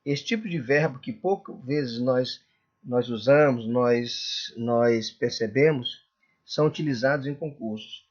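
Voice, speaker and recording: A man's voice: mid-range voice, measured pace, darkish tone. Male teacher in a dull lo-fi recording. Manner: checks in constantly with "correto?" and "tudo bem?". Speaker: Portuguese teacher. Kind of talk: classroom lecture.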